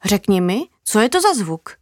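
A woman voicing a sly, teasing female magpie in a children's story, talking in a knowing, playful, drawn-out way. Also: mid-range voice, big pitch swings, no echo, studio quality, close to an everyday voice.

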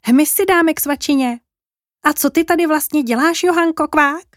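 Woman voicing a little storybook frog, female, high chirpy voice, croaks between words, dry close sound. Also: dry recording, close to an everyday voice. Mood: cheerful. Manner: adds a croak to her words.

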